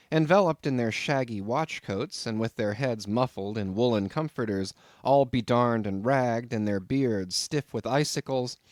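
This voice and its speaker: A man's mid-range voice narrates a classic novel for an audiobook, following a script with a measured, expressive storytelling delivery. The recording is dry and of studio quality.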